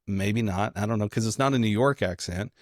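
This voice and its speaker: A Kentucky man with a mild Southern American accent co-hosts a podcast, rambling, joking and running himself down in casual chat. His voice is fairly low and a little fast, captured in a dry, clean studio recording.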